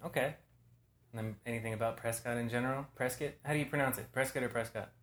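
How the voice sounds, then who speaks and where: A man in his thirties keeps a casual chat going with frequent questions, breaking into easy laughter and dropping swear words along the way. His voice sits at an ordinary mid pitch. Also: steady tone, quick pace, a bit bright. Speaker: podcast co-host.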